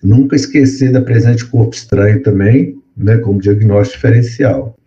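In a classroom lecture, a man talks students through medical material step by step, repeating words for effect and often tossing in tag questions to check in. His voice is lowish and warm, a little fast, and the sound is lo-fi.

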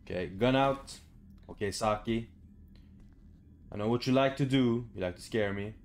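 A young gaming YouTuber gives a casual, sweary let's play of a horror game from a room at home, talking to himself as he reacts. His voice is mid-range at a moderate pace, with soft music playing in the background.

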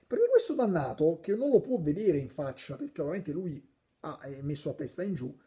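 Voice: medium pitch, sing-song, brisk, warm tone. A speaker casually explaining a poem, thinking aloud with frequent restarts and now and then reciting verses. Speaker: literature explainer.

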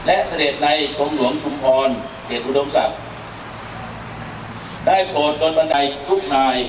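A middle-aged man, a military officer, delivering a formal ceremonial speech phrase by phrase in a measured way. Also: fairly high pitch. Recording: very echoey, distant mic, noisy.

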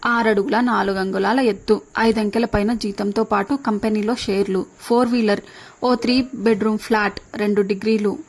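A woman's voice: medium pitch, fairly even intonation, normal speed, natural voice. A woman voicing a playful, teasing young woman who ribs her brother in an audiobook reading. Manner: chatty, teasing.

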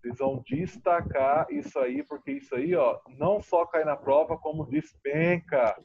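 Teaching an online class, a man patiently draws out his words as he explains and keeps checking in with his students. His voice is fairly high, animated, gravelly and a bit rough, at normal speed. The audio is muffled and lo-fi with faint noise.

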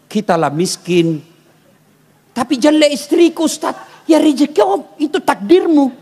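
A man from Makassar giving a humorous sermon, telling animated stories with jokes and loud exclamations. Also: very high-pitched, measured pace. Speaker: preacher. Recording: long reverb in a hall.

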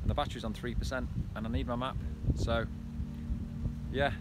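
A man's voice: medium pitch, fairly even intonation, fairly quick, heavy background noise. A man in his thirties giving casual vlog commentary into a handheld phone outdoors, talking on the move while trail running. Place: open moorland hillside, outdoors. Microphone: phone held at arm's length.

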